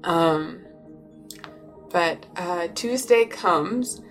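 A woman acting as game master, narrating a tabletop role-playing game in a relaxed, descriptive way with fillers. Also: lowish voice, very slow, faint music behind.

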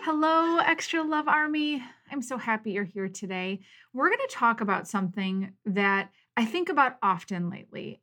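A middle-aged woman hosting her own podcast, talking through a personal story in an encouraging, storytelling way. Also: on the high side. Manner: warm, encouraging, storytelling with lively quoted voices. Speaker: podcast host. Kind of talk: casual solo podcast monologue.

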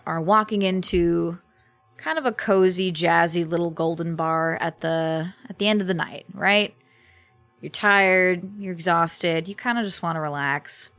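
A woman's voice: on the low side, fairly bright tone, no room sound. A young woman voice actor chatting as a podcast guest, laughing often and restarting her sentences. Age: young adult. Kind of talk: casual podcast interview.

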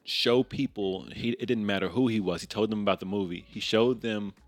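A man who directs films, a guest on a podcast, telling a story in a halting way that repeats words. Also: lowish voice, dry recording, faint music behind. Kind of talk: casual podcast chat.

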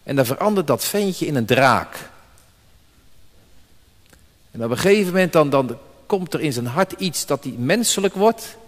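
Male pastor, sermon, emphatic, repeats words, lively swinging pitch, echoing church hall. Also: moderate pace, pauses often.

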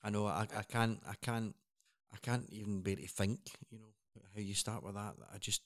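A man's voice: fairly low pitch, fairly even intonation, normal speed. A man co-hosting a casual news chat, earnest and rambling with frequent restarts. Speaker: co-host.

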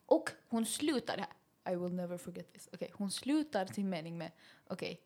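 A young woman with a Finland Swedish accent, co-hosting a podcast and telling a story in a casual chat, animated and laughing, slipping English phrases in. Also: fairly low pitch. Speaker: podcast co-host.

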